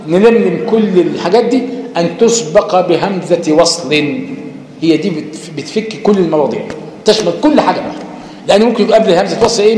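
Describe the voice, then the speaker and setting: A man's voice: high voice, darkish tone. A man with an Egyptian accent teaching recitation rules, explaining step by step, asking his class rhetorical questions and chanting short verses as examples. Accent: Egyptian Arabic. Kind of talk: lecture on tajweed rules. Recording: echoey hall reverb.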